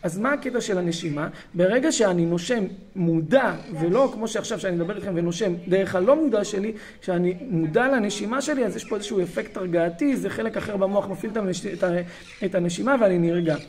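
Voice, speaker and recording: Animated man coaching a parents' group. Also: sits high. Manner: animated, acts out scenes, often asks "you understand?". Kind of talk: recorded lesson addressing parents.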